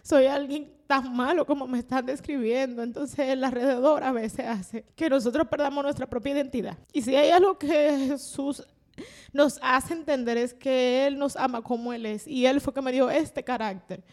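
A young Dominican woman talking openly on a faith podcast, animated and often laughing, slowing down when she turns reflective. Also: high voice. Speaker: podcast guest. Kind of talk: casual faith-based podcast chat.

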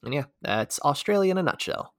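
A man's voice: a little high, a little fast, no echo. American man explaining facts, dry close mic. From United States. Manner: lively, fact-heavy, leads the segments. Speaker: podcast co-host. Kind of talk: casual explainer chat.

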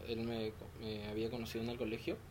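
Man, mid-pitched voice, informal podcast guest, casual chat, noisy outdoor terrace. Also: little pitch movement, fast talker, a little mellow. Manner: joking, informal. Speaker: band vocalist, podcast guest.

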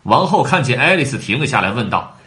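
A man reading a children's story aloud in an animated way, talking to the children between lines. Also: mid-range voice, fast.

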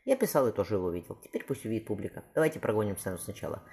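A man reading as a calm, modest playwright. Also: on the low side, rapid-fire, creaky.

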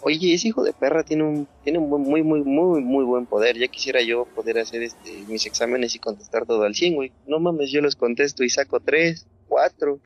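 A man's voice: medium pitch, steady tone, normal speed, hardly any pauses, soft background music. A man with a Mexican accent hosting a podcast, reading a listener's story aloud and then chatting casually with plenty of swearing. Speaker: podcast host. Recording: dull, dry lo-fi sound.

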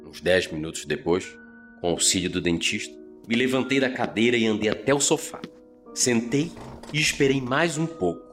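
A man narrating a scripted story podcast as its host, with a measured, theatrical delivery. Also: mid-range voice, expressive, fairly bright tone, soft background music. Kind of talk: dramatic first-person scripted narration.

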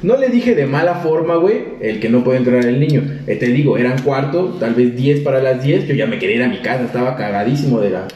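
A man's voice: medium pitch, expressive, brisk, hardly any pauses, a little mellow, highs cut off. A man with a Mexican accent, a podcast co-host telling a crude, joking story from his job in casual chat. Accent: Mexican Spanish. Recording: roomy with faint noise.

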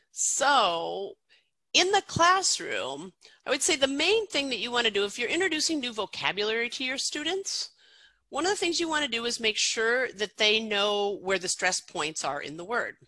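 A woman's voice: on the high side, big pitch swings, measured pace, bright, forceful tone, no room sound, low-quality recording. A middle-aged woman, a pronunciation teacher, explaining things in an interview in a chatty way with lots of fillers and restarts.

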